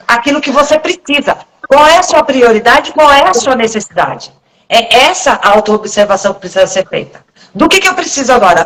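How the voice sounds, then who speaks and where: She is a Brazilian woman chatting with friends in a live talk. Her voice sits a little high, and she speaks bluntly and frankly, slipping into voices to act out what other people said. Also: fairly bright tone, poor audio. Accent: Brazilian Portuguese. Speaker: guest in a live group talk. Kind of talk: casual conversational talk.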